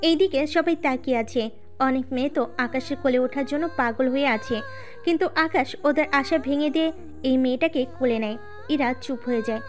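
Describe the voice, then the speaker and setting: A woman narrating an audio romance story in a steady, scripted storytelling manner. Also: high voice.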